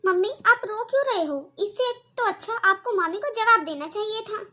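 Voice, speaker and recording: A woman's voice: extremely high pitch, normal speed, sharp tone. A woman voicing an outspoken young girl in a cartoon, pleading earnestly with her family. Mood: consoling. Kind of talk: cartoon voice acting.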